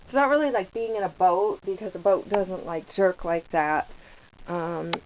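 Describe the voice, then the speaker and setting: A woman giving rambling, hesitant, casual vlog commentary from inside a small trailer, pausing mid-sentence. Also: lowish voice. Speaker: vlogger living off grid in a trailer. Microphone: handheld camera microphone. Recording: dull lo-fi camera audio, background noise.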